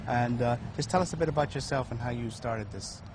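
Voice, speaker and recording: A man's voice: mid-range voice, brisk. Man hosting a street interview over traffic. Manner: easygoing, many fillers and backchannel murmurs. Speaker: host. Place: outdoors in a city neighborhood. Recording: outdoor street noise.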